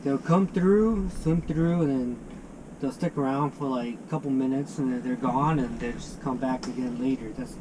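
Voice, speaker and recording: A fishing vlogger in his thirties chats casually to camera from a small ice fishing shanty, laid-back and dropping "dude" and "man." His medium-pitched voice moves at a moderate pace, picked up by an action camera mounted inside the shanty, with background music and a noisy backdrop.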